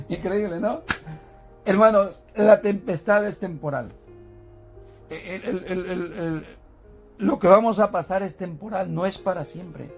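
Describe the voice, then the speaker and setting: A man's voice: sits high, takes it slowly, vocal fry, long pauses, a little mellow, soft background music. A man preaching a sermon in a church, asking the congregation questions and calling them brothers, often repeating and restarting words as he teaches.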